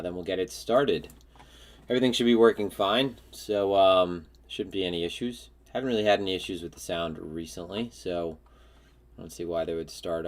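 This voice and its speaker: A laid-back man chats with his viewers as a livestream host. His voice sits a bit low, and his talk is loose and unscripted, full of ums and uhs. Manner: relaxed, laid-back, frequent filler words. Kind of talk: casual livestream chat.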